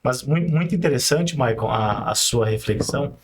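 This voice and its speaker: A man's voice: medium pitch, moderate pace, background noise. A man in his forties hosting a podcast, polite and reflective, with hesitant restarts. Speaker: podcast host. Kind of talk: interview conversation.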